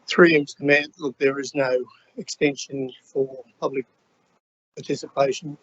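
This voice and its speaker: Council official, formal, flat monotone, dull lo-fi chamber audio. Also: male voice, mid-range voice, normal speed, husky. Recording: dull lo-fi meeting recording.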